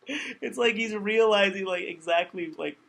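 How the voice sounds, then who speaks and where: A young man with a fairly high voice co-hosts a casual podcast. He recaps scenes with animated energy and slips into quick acted-out lines of dialogue. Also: creaky. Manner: animated storyteller, acts out quoted lines. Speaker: podcast co-host. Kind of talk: casual chat recapping TV episodes.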